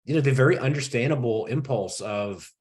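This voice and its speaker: A man hosting an interview, reflecting out loud in a halting way with many false starts. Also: mid-range voice. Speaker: interview host. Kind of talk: conversational interview.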